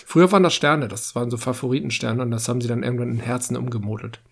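A man's voice: mid-range voice, fairly even intonation, very fast, creaky. A man chatting on a podcast, reflective and a little hesitant. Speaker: podcast co-host. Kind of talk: casual podcast chat.

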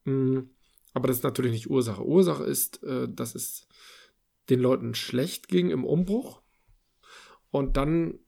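Guy with a gravelly voice chatting politics, lots of ums and restarts. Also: mid-range voice, a little slow, pauses often, mellow. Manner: thinks aloud with many fillers and restarts. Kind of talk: casual political discussion.

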